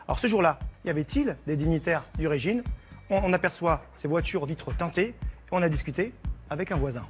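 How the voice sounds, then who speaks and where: A man working as a TV reporter, presenting a lively news report in a conversational way that builds suspense. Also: a little high, brisk, faint music behind. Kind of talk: lively spoken report to studio.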